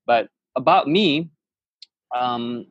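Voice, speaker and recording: A man in his thirties from a Malaysian upbringing speaks extremely slowly in a mid-range voice with lively intonation. He's a podcast guest in a casual interview, telling his story with enthusiasm, rambling, and many restarts. The audio has no echo but sounds dull.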